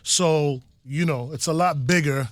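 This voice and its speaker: A man's voice: a little high, measured pace, dry recording. A man hosting a podcast interview, enthusiastic and affirming, with a slangy way of talking. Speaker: podcast host. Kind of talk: conversational interview.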